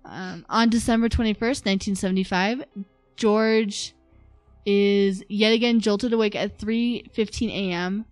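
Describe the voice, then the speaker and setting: A woman's voice: medium pitch, fairly even intonation, measured pace, dry recording, soft background music. A woman hosting a casual podcast, telling a story from notes in a chatty way, with some fillers. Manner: narrates from notes, chatty with laughs. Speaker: podcast host.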